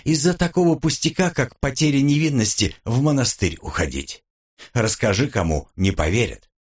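A man's voice: medium pitch, expressive, moderate pace, husky. A man narrating a first-person audiobook in a dry, wry manner.

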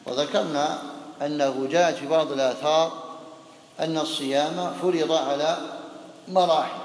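A man teaching a classical Arabic lesson on hadith as a sheikh, explaining slowly and deliberately, dwelling on single words and putting questions to his students. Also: fairly high pitch. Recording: echoey hall recording.

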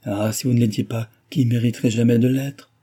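A man's voice: mid-range voice, steady tone, a little fast, warm tone, close to an everyday voice. A man voicing an earnest, adoring young woman of modest rank who speaks effusively, in a novel reading. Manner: effusive, eager.

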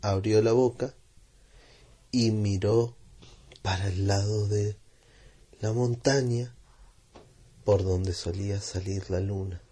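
A man's voice: lowish voice, steady tone, slow, long pauses, warm tone, husky. A man narrating a children's story in a playful, repetitive rhythm.

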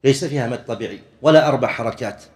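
A man teaching a religious lesson in a measured, explanatory way, pausing to demonstrate correct and wrong pronunciations and sometimes restarting a phrase. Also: mid-range voice, long reverb tail. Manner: occasionally clears throat, restarts phrases. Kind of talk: classroom lecture on worship rules.

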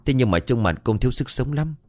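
A man's voice: mid-range voice, expressive, brisk, darkish tone, dry recording, pitched above the performer's own voice, lightly acted. A man voicing a caring, talkative older wife who frets over her husband. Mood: fretful.

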